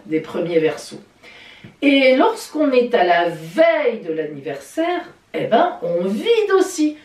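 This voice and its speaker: A woman astrologer talks through her weekly horoscope with a lot of pitch movement, chatty and playful. Her voice sits a little back from the mic in an echoey room. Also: recorded from a distance. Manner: lively and chatty, with playful exclamations. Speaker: astrologer and psychic. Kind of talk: weekly horoscope video talk.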